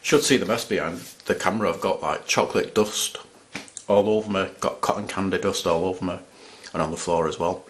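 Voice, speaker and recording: A man's voice: deep voice, steady tone, brisk, slight background noise. A man chatting casually as he reviews candy on camera, rambling and restarting his sentences. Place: at home in front of a camera.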